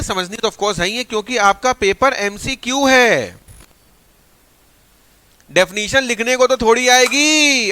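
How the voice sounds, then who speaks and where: A male teacher giving an energetic exam-prep lecture, mixing Hindi with phrases. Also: high voice, no echo.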